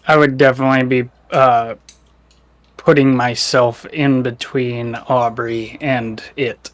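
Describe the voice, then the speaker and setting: A man's voice: mid-range voice, fairly even intonation. A man playing in a tabletop game, trading wisecracks with the game master. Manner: slow, wisecracking banter. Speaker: player. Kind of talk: casual tabletop game play.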